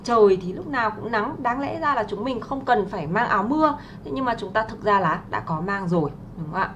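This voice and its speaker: Patient Vietnamese teacher on a livestream. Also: female voice, medium pitch, expressive, a little fast, noisy background. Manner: polite, patient, frequent filler sounds and tag questions. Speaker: English teacher. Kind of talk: livestream exam walkthrough.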